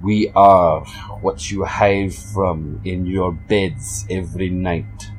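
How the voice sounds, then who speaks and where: A man voicing a sinister male test subject with a put-on Russian accent, speaking slowly and ominously in a horror story reading. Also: deep voice, steady tone, faint music behind, low-quality recording. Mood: menacing. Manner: slow, ominous, smiling.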